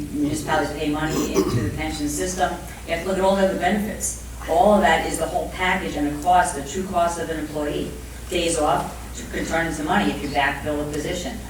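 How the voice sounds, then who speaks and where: Picked up from some distance in an echoey conference room with faint noise, this Brooklyn-accented speaker, middle-aged or older, addresses a panel audience off the cuff. The voice is medium-to-ambiguous in pitch, conversational and emphatic, like an experienced negotiator laying things out plainly.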